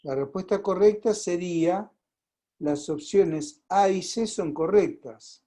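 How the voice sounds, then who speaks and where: Argentine male lecturer, warm mellow voice, chatty, checks the class often, video call mic. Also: sits high, rough recording. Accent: Argentine Spanish. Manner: conversational, fills pauses and checks in with the class. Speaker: pharmacology lecturer.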